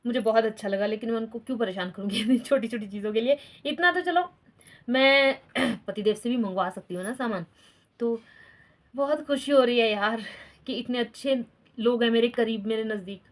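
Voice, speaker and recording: A woman's voice: on the high side, normal speed. A woman in her thirties from India, casually chatting to her followers, confiding and laughing as she talks. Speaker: vlogger.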